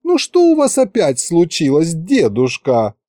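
A man's voice: a little high, huge pitch swings, unhurried, mellow, no echo, pitched above the performer's own voice. A man voicing a capricious, whiny young woman with a pouty drawl.

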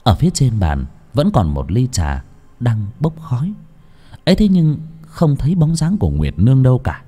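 Male narrator, expressive audiobook reading, animated pitch, reverberant hall. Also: moderate pace, husky, soft background music. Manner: expressive storytelling.

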